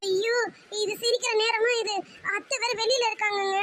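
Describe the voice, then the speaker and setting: A woman's voice: very high-pitched, steady tone, moderate pace, crowd noise. A woman voicing a flustered, playful young woman in love, pleading and fretting in an amateur audio romance story.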